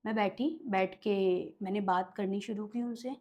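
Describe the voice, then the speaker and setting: A woman's voice: medium pitch, steady tone, moderate pace, darkish tone, muffled recording. A woman guest telling stories in a conversational interview, animatedly acting out her clients' voices in quotes. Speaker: guest, occult healer.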